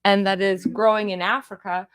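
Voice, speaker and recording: A woman's voice: mid-range voice, little pitch movement, moderate pace, a bit bright, clear, resonant tone, dry recording. A woman hosting a live auction, chatting casually in an effusive, exclamatory way. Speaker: auction host.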